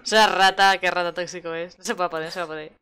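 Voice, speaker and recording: A woman's voice: fairly low pitch, steady tone, quick pace, bright, forceful tone, clear, resonant tone. A woman with a Spanish accent from Spain giving casual, playful and exclamatory commentary on a video game. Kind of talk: casual gaming commentary with jokey line readings.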